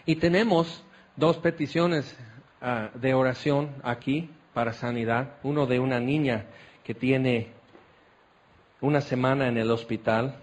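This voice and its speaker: A man's voice: mid-range voice, a little slow. A man preaching a sermon at a tent meeting. He tells the scenes dramatically, acting them out with exclamations.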